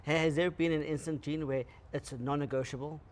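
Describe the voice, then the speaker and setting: A man's voice: on the high side, steady tone, brisk. Encouraging man podcast host. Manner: encouraging, frequent short agreements. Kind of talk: casual podcast conversation.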